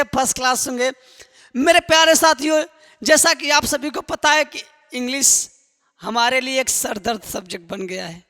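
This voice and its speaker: A man's voice: very high-pitched, sharp tone, in a large hall. A man teaching spoken English to students, emphatic, repeating key phrases and asking the class rhetorical questions.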